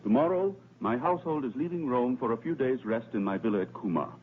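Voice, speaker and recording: An actor playing a proud, rebellious Roman senator, speaking formally like an orator in a dubbed historical film. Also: male voice, medium pitch, animated, fast, natural voice. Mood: grave counsel. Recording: tinny narrow-band old film soundtrack, noisy.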